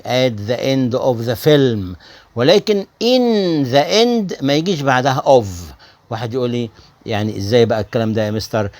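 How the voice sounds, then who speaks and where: Lively Egyptian man drilling English words. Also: medium pitch. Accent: Egyptian Arabic. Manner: repeats each word twice, then translates. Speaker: English teacher. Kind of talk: vocabulary and grammar lesson.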